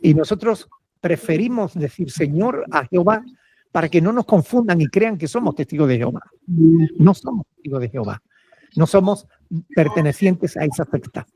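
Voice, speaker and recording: Male Peruvian pastor, teacherly Q&A answers, warm dark tone, dry close sound. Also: on the high side, lively intonation, moderate pace, breathy edge, dry recording. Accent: Peruvian Spanish. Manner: explanatory, often checks with "¿ok?". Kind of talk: answering questions in a church Q&A.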